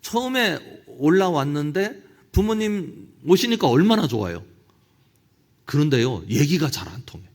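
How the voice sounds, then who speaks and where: A man's voice: a little high, big pitch swings, a little slow. A middle-aged male pastor giving a lecture-style sermon at a church officers' seminar, telling stories and acting out quoted prayers. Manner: storytelling, with quoted prayers acted out.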